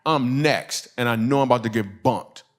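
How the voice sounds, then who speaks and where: A middle-aged man from Michigan telling a stand-up story on a comedy stage. His voice sits at an ordinary middle pitch and keeps an animated, playful delivery. He drops into the voices of the people in his tale and chuckles at his own lines. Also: normal speed. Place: comedy stage before a live audience.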